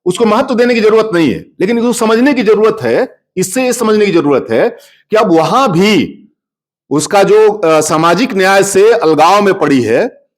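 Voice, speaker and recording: A man speaking at a public panel discussion, talking at length with many pauses and fillers. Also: high-pitched, animated. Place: public hall in the city.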